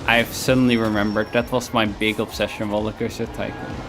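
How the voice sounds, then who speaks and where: A man's voice: lowish voice, level tone, brisk. A man streaming a game from home, chatting casually in a rambling, self-mocking way that often trails off. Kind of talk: casual chat while gaming. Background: game music.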